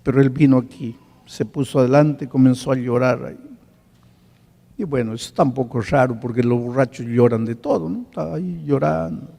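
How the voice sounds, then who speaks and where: Gravelly man preaching in a reverberant hall. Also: mid-range voice, brisk. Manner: dramatic, swings from hushed to loud. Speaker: pastor. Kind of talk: sermon storytelling.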